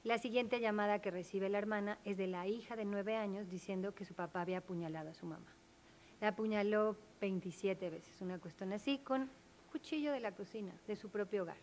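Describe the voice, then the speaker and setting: A woman's voice: mid-range voice, brisk, darkish tone, slight background noise. A woman speaking on a panel, explaining her points earnestly and with emphasis. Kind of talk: academic panel discussion.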